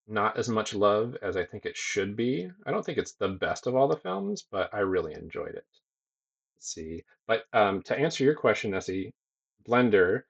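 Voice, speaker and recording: A young male streamer and digital sculptor with a soothing, lowish voice chats casually with viewers from a home streaming room lit in green. He reads chat aloud and says um a lot, and the audio sounds dull.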